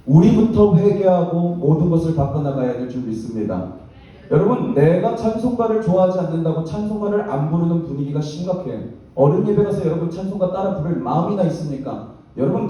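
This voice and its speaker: A man's voice: fairly high pitch, warm tone, muffled recording. Preaching man in an echoey hall. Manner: emphatic preaching with call-and-response repetition. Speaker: pastor. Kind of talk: sermon. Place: church youth worship hall. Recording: echoey church hall mic from a distance.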